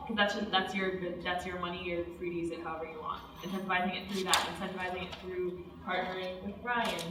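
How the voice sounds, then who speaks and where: A woman's voice: lowish voice, background noise. A woman student government officer talking persuasively in a meeting discussion. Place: meeting room. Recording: echoey room from far off.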